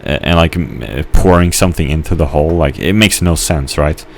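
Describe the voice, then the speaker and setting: A man's voice: a bass voice, fairly quick, gravelly, a little hiss or hum. A man casually rambling while playing a game, hesitant, with many fillers and restarts. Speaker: gamer narrating his gameplay.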